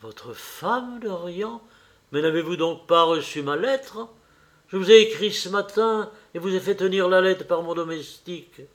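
A man's voice: sits high, measured pace, fairly bright tone, pitched above the performer's own voice. A man voicing Lord Henry, languid ironic aristocrat. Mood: teasing. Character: witty worldly English aristocrat, urbane cynic. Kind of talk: audiobook character reading.

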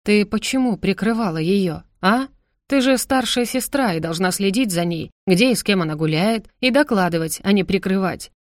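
A stern, reproachful mother in middle age, scolding her daughter in a dry, close-miked voice, as a woman narrator puts her on. She speaks at an ordinary middle pitch. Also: expressive, normal speed, dry recording, close to an everyday voice.

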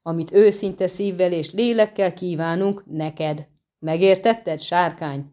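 A woman voicing a boastful, gruff male dwarf who shouts as a herald in a storybook reading. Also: lowish voice, steady tone, natural voice. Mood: bellowing. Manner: loud, bellowing, cocky.

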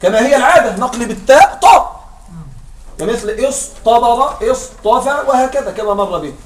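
A man's voice: very high voice, expressive, moderate pace, heavy background noise. A man teaching a classroom lesson on Arabic morphology. He keeps checking that his students follow and asks questions, then answers them himself.

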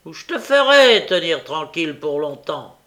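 A man's voice: on the high side, very animated, normal speed, vocal fry, pushed and bright, heavily acted. A man playing a snarling brutal housebreaker. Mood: threatening. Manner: growling, scornful, threatening. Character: brutal grown male housebreaker, snarling and contemptuous. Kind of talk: audiobook character voice.

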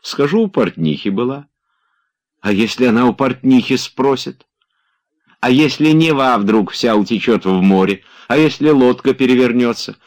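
A man voicing a playful, teasing young woman in an audiobook, in a lifted, lively voice. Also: fairly low pitch, moderate pace, voice pushed up.

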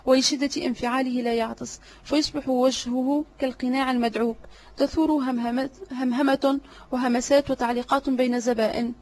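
A woman's voice: sits high, level tone, a little fast, a little mellow. A woman narrating an audiobook drama reading, reading stage directions plainly.

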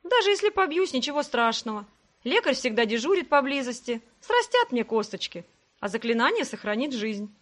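A woman's voice: high-pitched, big pitch swings, a little fast. A woman voicing a daring young female racer who talks lightly and bravely in an audiobook. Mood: cheerful.

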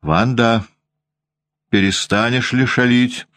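A man's voice: medium pitch, fairly even intonation, slow, fairly bright tone, no echo, pitched above the performer's own voice. A man putting on a hissing, spiteful housekeeper. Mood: scolding. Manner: hissing, sarcastic. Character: spiteful scolding middle-aged housekeeper woman.

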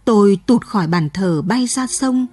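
A woman narrating a late-night radio ghost story in a slow, sorrowful reading. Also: mid-range voice, lively intonation, warm tone, no echo.

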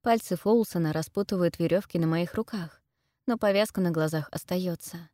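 A young adult woman narrating a first-person story as an audiobook reader, in a steady, measured way. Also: lowish voice, dry recording, clean studio sound.

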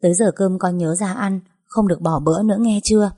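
Narrator puts on a doting older lady for a storybook, soft motherly scolding, husky and warm. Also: medium pitch, a little fast. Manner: gentle, coaxing, motherly scolding. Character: kind fussing older landowner's wife, doting.

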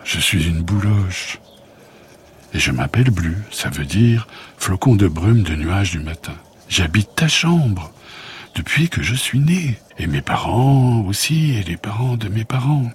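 A man voicing Blu, a tiny and polite female fluff-ball creature, in a raised, gentle, childlike voice. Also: lowish voice, sing-song, unhurried, slight background noise.

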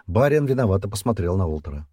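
A man narrating a fantasy novel as an audiobook in a steady, low-key way. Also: quick pace, breathy edge, dry recording, clean studio sound. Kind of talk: scripted fiction narration.

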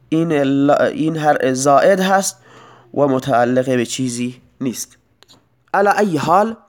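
A middle-aged man teaching grammar in a recorded lecture, explaining step by step and repeating example phrases slowly. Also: on the high side. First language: Persian.

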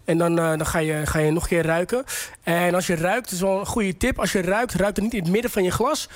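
A man's voice: sits high, steady tone, fairly quick. Een man die als wijnkenner te gast is en met veel herhalingen en stopwoordjes uitlegt hoe je wijn proeft. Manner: repeats words, many fillers while explaining. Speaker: wine expert guest. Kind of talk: explaining to a host.

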